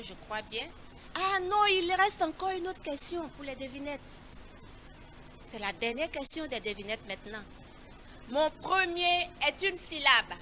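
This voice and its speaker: Bright, sharp-voiced woman hosting a children's Bible quiz; slow, repeated clues; faint background noise. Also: high-pitched. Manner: slow, repeats each clue, coaxing.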